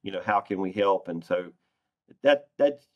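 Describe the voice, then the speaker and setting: A farm organization president answers interview questions earnestly and plainly over a video call, his deep voice animated and a little slow. He sits in an indoor wood-paneled conference room, and the computer mic gives a lo-fi sound.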